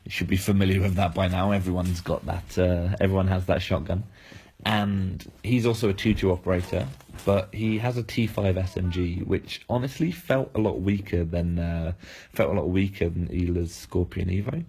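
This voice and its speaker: A man's voice: deep voice, fairly even intonation, moderate pace, mellow, a little hiss or hum. A man losing his voice, giving analytical game preview commentary with frequent fillers and restarts.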